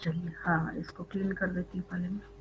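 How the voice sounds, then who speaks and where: A woman's voice: on the low side, flat delivery, a little fast, background noise. A woman teaching biology in an online class, explaining step by step, asking her students questions and repeating the answers, with English terms mixed into her speech. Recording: tinny phone-like online audio.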